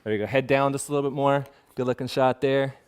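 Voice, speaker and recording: Male photographer, brisk easygoing instructor coaching a model through poses in the studio. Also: medium pitch, fairly even intonation, darkish tone, clean tone. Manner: casual, directs the model, many fillers. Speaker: portrait photographer teaching. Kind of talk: hands-on studio demonstration.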